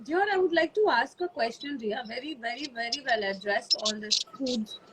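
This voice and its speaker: A woman's voice: fairly high pitch, normal speed, fairly bright tone, slightly rough, rough recording. A woman with an Indian English accent hosting a chatty video call. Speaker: host. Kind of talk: casual online talk.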